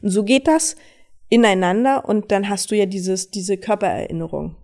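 A woman's voice: mid-range voice, normal speed. A woman, a stage and screen actress, talking casually and emphatically as a podcast guest. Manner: lively, emphatic storytelling. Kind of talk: casual interview chat.

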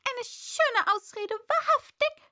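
Shrieking, scolding pigeon. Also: female voice, extremely high pitch, measured pace, sharp tone, pitched above the performer's own voice, full character voice. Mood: scornful. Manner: shrieking, scolding, sobbing complaint. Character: shrill, indignant female pigeon guarding eggs. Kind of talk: audiobook character voice.

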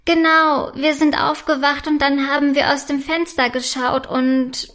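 A woman voicing a lively, caring young princess in a children's story, with a bright, lively voice. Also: sits high, a little slow.

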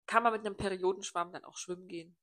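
A woman's voice: lowish voice, steady tone, quick pace, a bit bright. A young woman co-hosting a podcast in casual chat, laid-back and frank, often answering with short replies. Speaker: podcast co-host.

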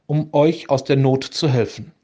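A man's voice: mid-range voice, a little slow, warm tone, close to an everyday voice. A man reading as a stern bearded ship captain.

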